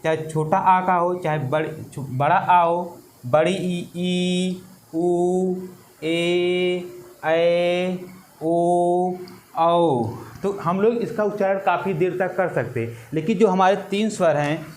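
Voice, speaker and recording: A man teaching an exam-prep lesson, slow and repetitive, drawing out vowel sounds. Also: sits high, slight background noise.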